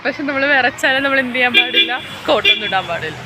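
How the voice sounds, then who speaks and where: High-voiced woman vlogging over outdoor noise. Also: lively intonation, fast talker. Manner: mixes English slang into Malayalam. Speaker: travel vlogger. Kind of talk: casual vlog chat to camera. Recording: noisy outdoor vehicle and street ambience.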